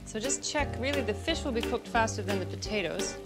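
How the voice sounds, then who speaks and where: A woman in her thirties hosts a cooking show from her home kitchen, chatting in a relaxed way as she cooks. Her voice is on the high side and brisk, set against a loud music bed and a sizzling pan.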